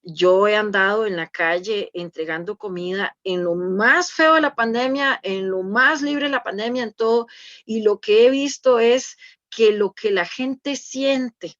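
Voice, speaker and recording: A woman's voice: medium pitch, a little slow, a bit bright, dull audio. A woman with a Costa Rican accent, telling a church conference a testimony in an earnest way, with many fillers and restarts. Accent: Costa Rican Spanish. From Costa Rica. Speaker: church speaker.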